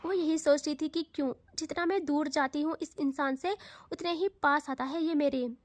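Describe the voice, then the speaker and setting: A woman's voice: sits high, steady tone, moderate pace, dry recording. A woman narrating an audio love story close to the mic, dramatic and chatty with casual asides.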